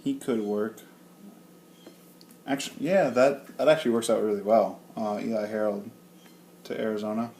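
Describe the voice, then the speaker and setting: A man co-hosting a casual sports chat, animated and getting loud when he rants. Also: fairly low pitch, moderate pace, long pauses, slight background noise. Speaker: co-host.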